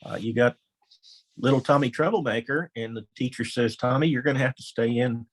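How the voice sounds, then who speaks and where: The former elementary principal, a middle-aged man, speaks briskly in a slightly rough voice, and the recording is rough too. His conversational webinar is full of anecdotes, with quoted voices acted out in a raised pitch.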